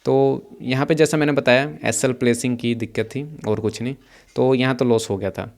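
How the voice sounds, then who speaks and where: Young male trader, casual screen-share walkthrough, quick and chatty, repeats himself, middle pitch. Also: fairly even intonation, creaky. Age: young adult. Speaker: options trader explaining his trades. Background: some background noise.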